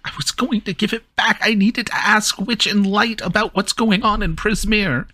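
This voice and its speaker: A man's voice: high voice, steady tone, moderate pace, sharp tone, pitched above the performer's own voice. A man voicing a nervous young bird creature in a tabletop game, stammering, pleading and defensive. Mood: anxious, defensive. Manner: stammering, repeats and breaks off words.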